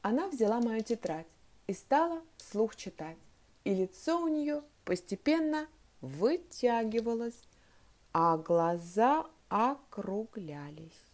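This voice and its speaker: A woman teacher reading a story aloud to children in an expressive, deliberate way, then asking them spelling questions. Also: fairly high pitch.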